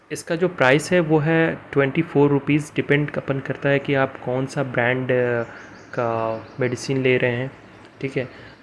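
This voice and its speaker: A man of middle pitch talks through a medicine review for his channel. He halts often, restarts phrases and mixes English words into Hindi. A faint hiss of background noise sits behind him. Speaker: pharmacy vlogger.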